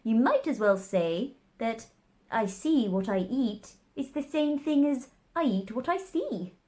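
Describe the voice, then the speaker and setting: A woman's voice: on the high side, animated, measured pace, a little mellow, pitched above the performer's own voice. A woman voicing an eccentric male hatter from a storybook, blunt, querulous and contrary.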